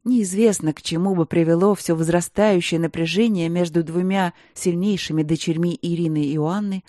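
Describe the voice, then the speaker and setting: Low-voiced woman narrating an audiobook. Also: warm tone, dry recording, studio quality.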